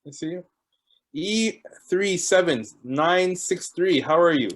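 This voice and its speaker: Hosting an online video call, a man with a high-pitched, lively voice speaks slowly and chats casually. He warmly greets each person as they arrive and jokes about stalling.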